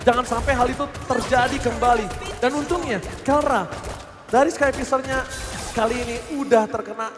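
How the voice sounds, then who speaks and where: A man's voice: extremely high pitch, steady tone. An Indonesian man giving emphatic, dramatic live play-by-play commentary on a mobile game match. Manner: emphatic, dramatic delivery with drawn-out calls. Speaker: esports commentator. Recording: echoey hall, loud music behind. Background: music.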